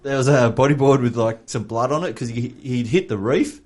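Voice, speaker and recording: A man's voice: mid-range voice, fairly quick, darkish tone. An Australian man from Wollongong telling a long rambling story on a podcast, swearing freely and laughing as he goes. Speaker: podcast co-host. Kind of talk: casual storytelling.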